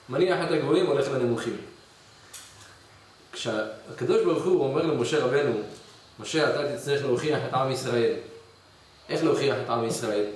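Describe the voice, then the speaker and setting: A male rabbi preaches a sermon to his study hall, acting out parables and jumping into raised, excited voices. His voice is fairly high for a man and reaches the mic from a distance. It rings heavily around the hall, with a faint hiss underneath. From Israel. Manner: storytelling, acts out mountains and scolding spouse in raised voice. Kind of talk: weekly Torah portion sermon with parables.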